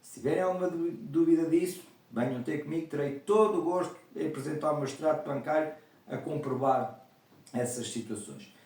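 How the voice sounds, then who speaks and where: A man's voice: fairly high pitch, a little fast, a little mellow, heavy reverb, far from the mic, low-quality recording. A man with a European Portuguese accent, talking earnestly and rambling in a casual video message as a football supporter. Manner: earnest, rambling, repeats himself.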